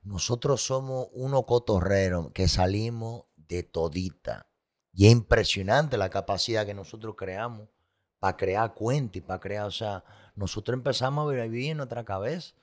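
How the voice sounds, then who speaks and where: A man's voice: on the low side, moderate pace. A man telling his personal story as a guest, candid and emotional, with vivid sound effects and repetition.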